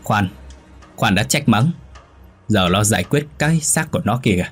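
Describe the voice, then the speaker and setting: A man voicing a scheming old master of the house who gives calm orders. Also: fairly low pitch, moderate pace, slightly rough, soft background music.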